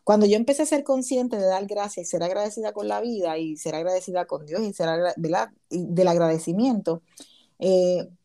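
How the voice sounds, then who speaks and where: A woman's voice: mid-range voice, a little fast, dark tone. A woman hosting a casual talk about gratitude and faith, speaking earnestly with many restarts.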